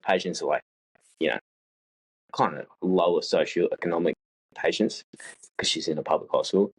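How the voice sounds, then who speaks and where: A young man talks in an easygoing, reflective way, with a low voice and a husky edge. He swears offhandedly, like casual talk between friends. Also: normal speed. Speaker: podcast co-host. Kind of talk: casual chat.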